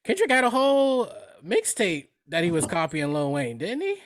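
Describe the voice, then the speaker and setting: A man's voice: high voice, huge pitch swings, normal speed, no room sound, studio quality. A man co-hosting a casual podcast chat, easygoing and hedging with lots of fillers. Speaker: podcast co-host.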